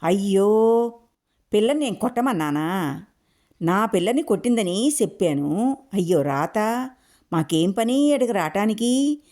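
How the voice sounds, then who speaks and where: A woman reading aloud, voicing a loud-mouthed, quarrelsome poor village woman who complains and wails. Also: medium pitch, animated, unhurried, long pauses, close to an everyday voice. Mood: loud complaining. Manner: wailing, complaining loudly.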